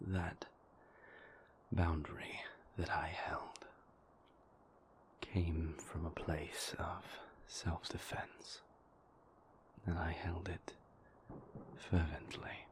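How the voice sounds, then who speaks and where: The level-toned whisper belongs to a male actor cast as a formal, guarded vampire boyfriend filled with remorse, recorded for intimate roleplay. His breathy, gravelly low voice moves in a careful, halting, confessional way.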